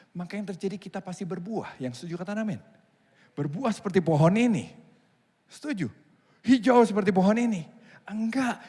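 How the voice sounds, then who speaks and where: A man preaching from the pulpit, his slightly high voice swinging between hushed, intimate address and raised, animated storytelling. He speaks with an Indonesian accent. The sound carries a long reverb from a large church hall. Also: breathy edge. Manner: animated preaching, voicing God and a complaining husband. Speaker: pastor. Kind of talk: sermon.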